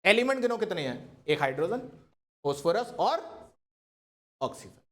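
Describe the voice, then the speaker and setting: A man's voice: high voice, big pitch swings, moderate pace, fairly bright tone. A man teaching a chemistry class, constantly asking his students questions and coaxing them to answer. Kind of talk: classroom lecture.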